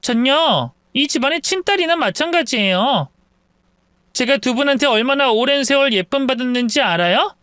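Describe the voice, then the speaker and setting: A man's voice: very high-pitched, expressive, normal speed, a bit bright, clean tone, no room sound, studio quality, voice pushed up. A man putting on a sneering scheming sister-in-law. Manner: sneering, mock-sweet, whiny when feigning tears. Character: scheming spiteful young sister-in-law, woman.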